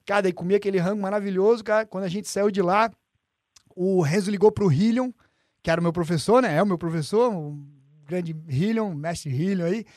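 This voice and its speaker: A Brazilian man with a fairly high voice tells a story in a relaxed podcast chat. He is slangy and animated and swears freely, acting out what other people said. The sound is dry and close. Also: a little fast, dry recording.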